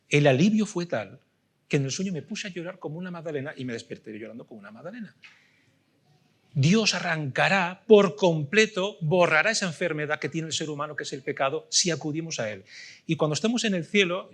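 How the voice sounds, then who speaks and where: A middle-aged man preaching a sermon, telling a story with loud bursts and soft asides. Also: fairly high pitch.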